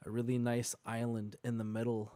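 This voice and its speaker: A man's voice: mid-range voice, brisk, dry recording. A man hosting a podcast, telling stories casually and acting out the quotes. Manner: animated storyteller, acts out quotes, laughs often. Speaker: podcast host.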